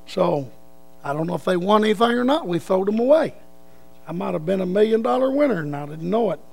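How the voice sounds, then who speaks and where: Gravelly high-pitched older preacher man. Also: animated, a little fast. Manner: folksy, swings between loud and hushed. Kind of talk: sermon with storytelling and prayer.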